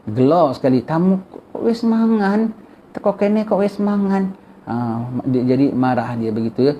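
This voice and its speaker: A man's voice: mid-range voice, lo-fi sound. A man with a Malaysian Malay accent teaching a religious text, chatty and repetitive, often tagging "ya". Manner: chatty, repetitive, frequent "ya" tags. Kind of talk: kitab study lecture, reading and explaining.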